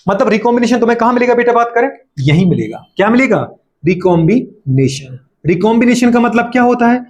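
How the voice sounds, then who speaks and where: A man's voice: extremely high pitch, sing-song, fast talker. A male biology teacher with a Hindi accent, lecturing a class, often asking questions and answering them himself, teasing his students.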